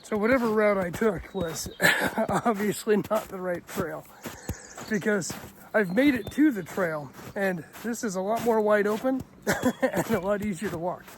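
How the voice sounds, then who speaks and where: Young male hiking vlogger, higher pitch, easygoing and self-mocking, phone mic outdoors with faint background noise. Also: unhurried. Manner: chatty, self-deprecating, laughs often. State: out of breath. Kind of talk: casual outdoor vlog narration. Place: snowy mountain trail outdoors. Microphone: handheld phone.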